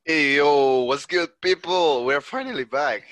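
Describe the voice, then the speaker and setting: A man's voice: fairly high pitch, measured pace, a bit bright, no echo. A man from Mexico with a Mexican accent, co-hosting a casual podcast, slangy and saying bro a lot. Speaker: podcast co-host. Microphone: remote call.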